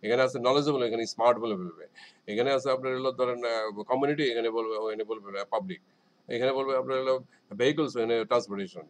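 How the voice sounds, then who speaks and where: A man's voice: medium pitch, quick pace, poor audio. A man teaching an exam listening lesson in a casual, rambling way, full of hesitations and repeated filler words. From Bangladesh. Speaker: IELTS teacher.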